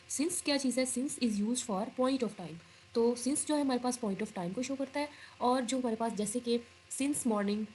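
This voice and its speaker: A woman English teacher giving a recorded online class. She explains step by step, reads example sentences slowly, and often says "ठीक है". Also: a little high, darkish tone, a little hiss or hum, rough recording.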